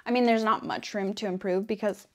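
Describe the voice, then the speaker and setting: A woman playing a quirky female devil in an ASMR role-play, talking in a playful, deadpan ramble with frequent self-interruptions. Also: medium pitch, fairly quick, lightly acted. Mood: teasing, smug. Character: quirky female devil welcoming a newcomer to hell.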